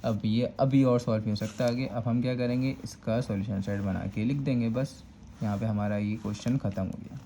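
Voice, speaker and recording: A man's voice: fairly low pitch, steady tone, brisk, warm tone, slight background noise. A man with a Karachi Urdu accent teaching a step-by-step math lesson, patiently repeating "thik hai" to check that students follow. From Pakistan.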